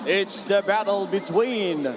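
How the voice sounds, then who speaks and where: A man's voice: high voice, slow. A man with a Filipino accent announcing like a showman in an arena, stretching out player names over music. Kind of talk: hyped arena sports announcing with drawn-out names. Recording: music behind the voice. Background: loud music.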